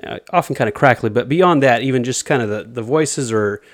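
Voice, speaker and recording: Man, casual podcast host, mid-range voice, halting delivery. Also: medium pitch. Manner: relaxed, halting, many fillers and restarts. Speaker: host presenting research. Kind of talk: casual group chat.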